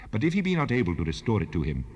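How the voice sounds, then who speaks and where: A man playing God in a dramatized scripture recording, handing down laws in a solemn, measured, commanding manner. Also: on the low side, huge pitch swings, a little mellow, breathy edge, full character voice. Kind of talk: dramatized King James scripture reading. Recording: long hall reverb, 1970s cassette rip.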